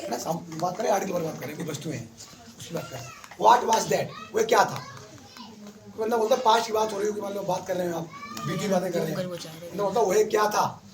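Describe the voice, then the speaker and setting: A man's voice: high voice, a little fast, a crowd in the background. A man teaching an English class, quizzing his pupils and calling them beta. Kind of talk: classroom lesson. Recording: echoey classroom from far off.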